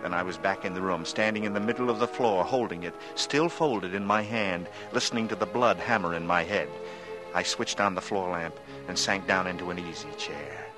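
A man's voice: music in the background, lightly acted, low-quality recording. A man playing brooding noir killer Dix. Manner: low, measured, menacing narration. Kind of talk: 1940s radio drama narration.

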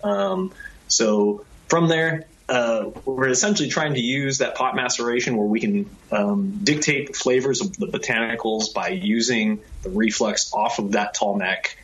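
A distiller speaking in a casual interview, explaining the process technically and hesitantly. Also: male voice, medium pitch, a little slow, a bit bright, muffled recording. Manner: hesitant, technical, many fillers.

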